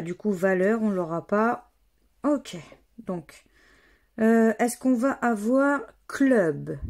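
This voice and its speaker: A woman's voice: fairly high pitch, darkish tone. A woman from France giving a casual running commentary as she scratches lottery tickets, spelling out letters one by one. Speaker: scratch-card vlogger.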